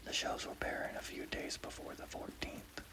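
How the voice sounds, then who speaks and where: In a breathy, gravelly, creaking whisper, a man narrates a frightening tale as ASMR, keeping his delivery hushed and deliberate.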